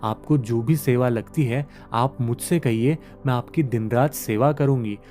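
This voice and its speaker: Man voicing a dutiful, patient daughter-in-law, mellow. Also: medium pitch, unhurried, soft background music, natural voice. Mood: earnest pleading.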